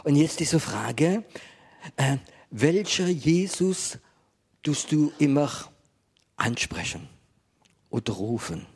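Husky, gentle-voiced male preacher. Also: a little high, sing-song, slow, long pauses. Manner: gentle, conversational preaching with rhetorical questions. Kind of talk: sermon to a congregation.

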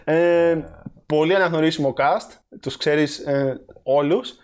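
A man's voice: on the high side, a little mellow, smooth. A man co-hosting a casual film podcast, playful and laughing often, rambling with fillers. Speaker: podcast co-host. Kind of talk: casual chat about films.

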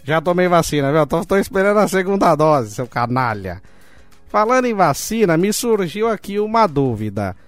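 Brazilian old-uncle type, cranky, insists he's young, a touch high, dry read, as the male host puts it on. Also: very animated, moderate pace, no echo, faint music behind. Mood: indignant. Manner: grumbling, indignant, swearing often. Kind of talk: comic advice segment.

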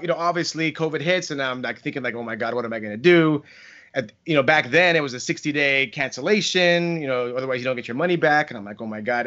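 A man's voice: fairly high pitch, pushed and bright. A middle-aged man chatting casually on a podcast, telling anecdotes in a rambling, conversational way. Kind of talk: casual chat, anecdotal storytelling. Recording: dull lo-fi podcast audio.

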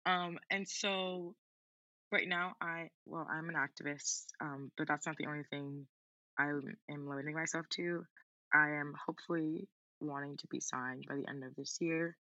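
Young female podcast guest, bright forceful voice, dry sound, casual and peppered with "like". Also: low voice, steady tone, normal speed, dry recording, highs cut off. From Queens, New York, United States. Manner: informal, frequent "like" as filler. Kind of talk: casual interview chat.

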